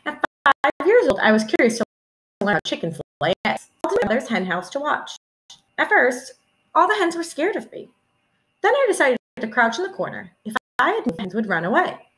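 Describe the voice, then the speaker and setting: In a small room at home, a young woman who teaches elementary school reads a children's picture book aloud, her fairly high voice very animated and rising and falling expressively. She tells the story in a deliberate, teacherly way, though the audio is poor.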